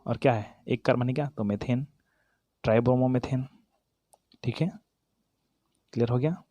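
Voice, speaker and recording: Male chemistry teacher, mid pitch, dry close recording, quizzes the viewer and self-corrects. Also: steady tone, normal speed, mellow, dry recording. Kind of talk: classroom-style lesson, explaining while writing.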